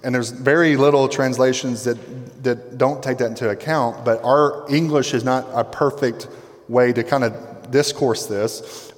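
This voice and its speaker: A pastor preaching a sermon in a conversational, emphatic way, dropping to quiet intensity on key words. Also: male voice, mid-range voice. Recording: long reverb from a hall.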